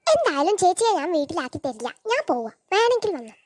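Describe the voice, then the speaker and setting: A woman's voice: very high-pitched, very animated, fast talker, no room sound, pitched below the performer's own voice. A woman voicing a cheeky younger-sister cartoon girl who talks back. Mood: defiant. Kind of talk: cartoon voice acting.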